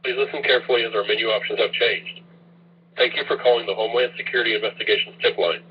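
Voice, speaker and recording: A man's voice on a recorded automated phone menu, reading formal, scripted prompts in an even, instructional way. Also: medium pitch, quick pace. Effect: recorded automated phone menu message. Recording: tinny phone line, husky.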